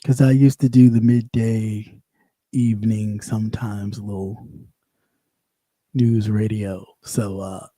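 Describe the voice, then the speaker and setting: Fairly low and dark, level in tone, this man's voice goes slowly with long pauses and no room sound. He's a light-voiced livestream host and former radio host who rants casually, bluntly and sassily, repeating himself in circles.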